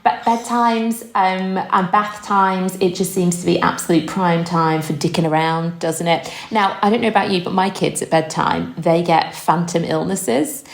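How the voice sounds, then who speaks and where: A woman, chatting and joking on a parenting podcast. Her voice sits a little low and she keeps breaking into laughter. The room around her is roomy and echoey. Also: fairly even intonation, moderate pace, vocal fry, few pauses. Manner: chatty, self-mocking, laughs often. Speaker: podcast host. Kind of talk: casual comedic chat.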